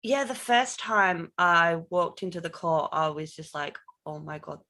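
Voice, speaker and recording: A woman, a podcast guest telling stories in animated, laughing chat. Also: on the low side, a little slow. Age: 20s. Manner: animated storyteller, laughs often. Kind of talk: casual interview chat.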